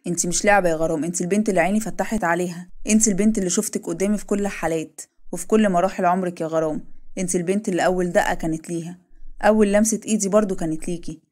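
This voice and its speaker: Brief: woman playing an earnest Egyptian young man, pleading, rapid. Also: on the low side, darkish tone, lightly acted.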